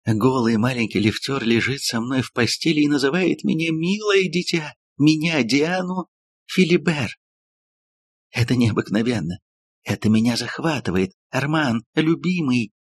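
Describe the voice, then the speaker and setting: A breathless, theatrical woman novelist gushes in exalted tones, as a male audiobook reader puts her on. The voice is husky and close, with no room around it at all. The delivery is even and measured despite the rapture. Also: mid-range voice, no room sound. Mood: rapturous. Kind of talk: audiobook reading.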